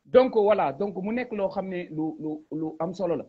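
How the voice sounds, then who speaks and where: A man's voice: high-pitched, expressive, moderate pace, husky. A man interviewing over a phone line that breaks up with poor reception, hesitant and searching for words.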